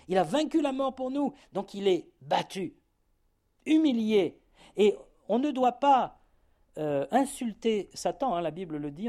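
A man's voice: sits high, warm tone. Emphatic male preacher. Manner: emphatic, rising on key words, frequent tag "hein". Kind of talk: evening sermon.

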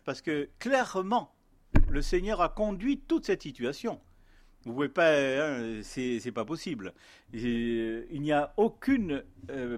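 Hesitant man telling a testimony. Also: on the high side. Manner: rambling, many hesitations and fillers; earnest, gently exhorting at the end. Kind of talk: casual spoken testimony.

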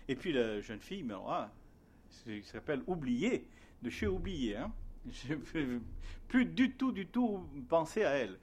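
A man's voice: medium pitch, slight background noise. A man giving a spoken testimony and sermon, telling his story in a hesitant way with many fillers, then earnestly exhorting his listeners.

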